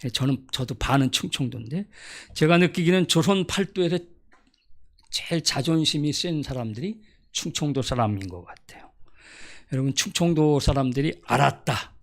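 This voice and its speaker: A man's voice: fairly high pitch, animated, moderate pace. A middle-aged man from Gyeonggi Province preaching a Sunday sermon as pastor, telling folksy, humorous stories and acting out dialect quotes. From Gyeonggi Province, South Korea.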